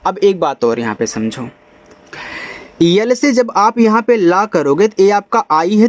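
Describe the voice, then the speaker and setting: Brief: male phonics teacher, high voice, patient step-by-step explaining, slow spelling. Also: no echo. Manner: explains step by step, spells letters out slowly, repeats and asks the class questions. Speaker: English teacher. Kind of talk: spoken phonics lesson.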